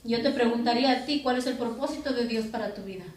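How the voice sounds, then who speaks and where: High-voiced woman pastor preaching in an echoey church. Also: fast talker, a little mellow, distant mic, a little hiss or hum. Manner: preaching with rhetorical questions to the congregation. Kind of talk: sermon. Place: church hall.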